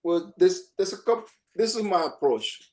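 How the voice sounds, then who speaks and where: Male artist, casual rambling talk, slightly high voice, video call audio. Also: expressive, normal speed, darkish tone. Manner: rambling, repeats himself. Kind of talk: casual chat.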